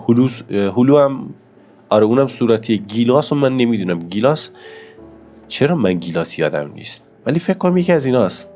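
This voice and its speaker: A man with a hoarse voice from a cold, chatting excitedly to his viewers as he comments on his own gameplay. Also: medium pitch. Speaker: gaming YouTuber.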